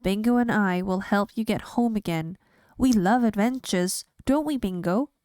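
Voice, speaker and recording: A woman's voice: medium pitch, normal speed, a little mellow, smooth, dry recording, clean studio sound, natural voice. A woman voicing a cheerful, kind boy who loves adventures. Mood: eager.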